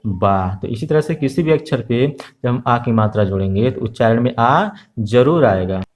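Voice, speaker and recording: A man teaches young children Hindi over the internet, taking it slowly and patiently. He repeats each letter and sound, fills pauses with many filler sounds, and speaks expressively in a mid-range voice.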